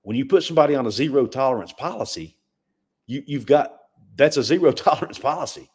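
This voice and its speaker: A man's voice: medium pitch, lively intonation, fast, breathy edge. A man co-hosting a sports livestream, talking casually and often repeating words as he makes a point. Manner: conversational, repeats words when emphatic. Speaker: sports podcast co-host.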